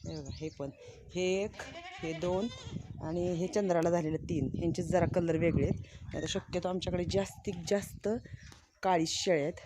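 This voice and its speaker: A woman talks casually to her viewers while she shows her goats and chicks outdoors. Her voice sits on the low side. She chats with the viewers and now and then scolds the animals, and there is a faint hiss in the background. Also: fairly even intonation, normal speed. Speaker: village vlogger. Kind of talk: casual farm vlog narration.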